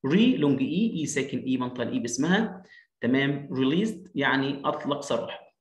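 Egyptian male English teacher, mid-pitched, sounds out words slowly, echoey room. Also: lively intonation. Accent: Egyptian Arabic. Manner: reads English slowly word by word, sounds out letters, quick asides in Arabic. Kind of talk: English reading lesson explained in Arabic.

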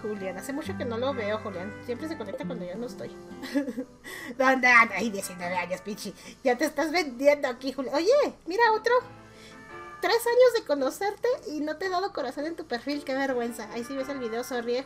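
A chatty Mexican woman with a somewhat high voice rates her friends' game profiles in a relaxed, teasing way and laughs often. Faint music plays underneath her talk. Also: brisk. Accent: Mexican Spanish. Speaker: gaming YouTuber. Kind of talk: casual chat while rating game profiles.

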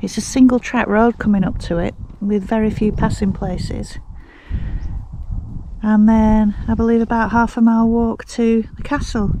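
Middle-aged woman, travel vlogger, casual chat, mellow tone, outdoors, faint background noise. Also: on the high side, level tone, low-quality recording. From Scotland. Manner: chatty, reads a sign aloud at an unhurried pace. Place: outdoors on a windy clifftop and fields by the sea.

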